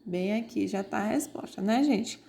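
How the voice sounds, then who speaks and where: A woman teaching an online grammar lesson, explaining slowly and pointing out examples on screen. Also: medium pitch, creaky, dark tone.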